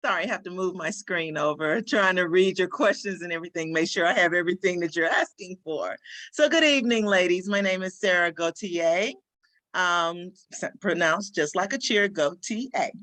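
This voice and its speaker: Bright, sharp-voiced woman. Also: lowish voice, moderate pace. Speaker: guest speaker. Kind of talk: informal self-introduction.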